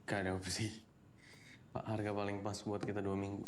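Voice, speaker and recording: Man playing a sarcastic deep-voiced young guy. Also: monotone, a little fast, a little hiss or hum, close to an everyday voice. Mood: bickering. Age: young adult. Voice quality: teasing, sarcastic. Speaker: young man on a road trip. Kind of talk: film drama acting.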